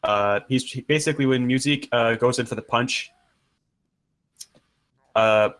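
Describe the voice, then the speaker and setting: A man doing color commentary, explaining tactics in an earnest, halting way. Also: mid-range voice, fairly bright tone. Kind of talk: analytical match commentary.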